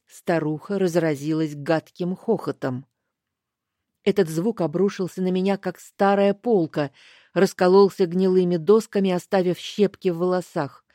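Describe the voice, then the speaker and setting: A woman giving first-person audiobook narration in a slow, deliberate way. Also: lowish voice, steady tone, warm tone, no echo, clean studio sound.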